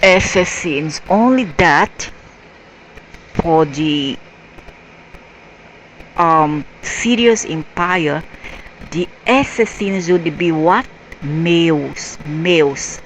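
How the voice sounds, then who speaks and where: A woman reading a story aloud in a halting way, spelling out word endings letter by letter. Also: sits low, a little hiss or hum, poor audio. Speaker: narrator.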